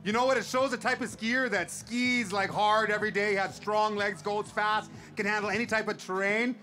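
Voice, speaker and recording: Brief: man, 40s, excitable event guest, very high and bright, outdoors. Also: moderate pace, faint music behind. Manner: hyped up, excitable. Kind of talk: casual live event chat.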